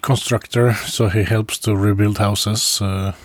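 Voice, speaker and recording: A man telling a casual travel diary at a slow, unhurried pace, his voice sitting on the low side. He halts often, restarting phrases and slipping in soft chuckles. The sound is close and dry, with no room around it. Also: flat delivery, no room sound. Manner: halting, with frequent pauses and restarts. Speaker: traveler recording a video diary.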